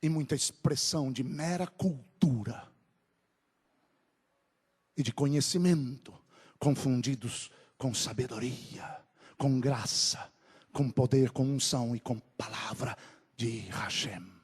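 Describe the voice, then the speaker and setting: A man preaching a sermon, moving from low, quick talk to drawn-out shouted climaxes. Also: husky.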